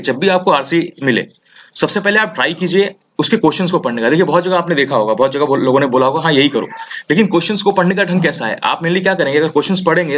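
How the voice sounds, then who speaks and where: A young man tutoring exam students in a casual, energetic way, often checking in with "theek hai". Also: fairly high pitch, slight background noise. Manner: energetic, repeats "ठीक है" often. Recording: slightly dull lo-fi audio.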